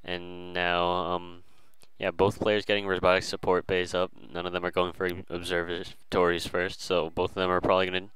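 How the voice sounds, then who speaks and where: A man's voice: low voice, monotone, moderate pace, hardly any pauses, fairly bright tone, clear, resonant tone, no room sound, rough recording. A man casually commentating a strategy game, hesitant and full of fillers and restarts.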